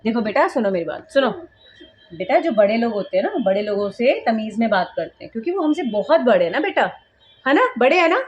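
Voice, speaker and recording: A woman's voice: on the high side, very animated, brisk. A woman mother vlogging at home, talking to camera in an emphatic, lecturing way and scolding her child now and then. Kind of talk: casual vlog talking to camera. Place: indoors at home.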